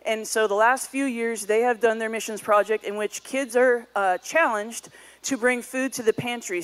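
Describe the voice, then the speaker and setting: Conversational woman giving church announcements. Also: mid-range voice. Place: church sanctuary.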